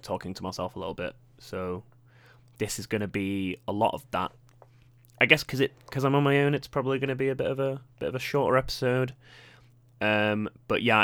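A man's voice: on the low side, fairly bright tone, no room sound. A young British man with a posh accent, hosting a casual solo podcast in a rambling, self-deprecating way with lots of fillers. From Britain. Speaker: podcast host.

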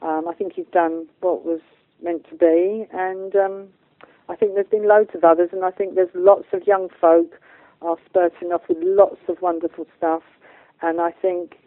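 Speaking in colloquial terms, this woman, a medium and channeller interviewed on a spiritual topic, is informal yet earnest and emphatic. Her voice sits on the low side with little pitch movement and a slightly slow pace. The phone-like line is narrow and dry, without room sound.

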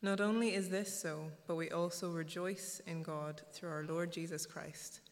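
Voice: medium pitch, steady tone, normal speed. A person reading Bible scripture aloud in an echoey church hall. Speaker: scripture reader. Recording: echoey hall with long reverb.

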